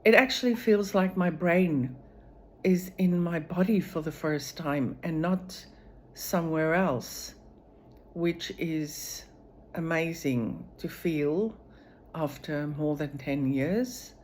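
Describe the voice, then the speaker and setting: A vlogger whose first language is Afrikaans shares her recovery in a personal video diary, speaking in a deep, low, darkish voice. She is slow and measured, with frequent pauses and fillers, over a faint hum of room noise.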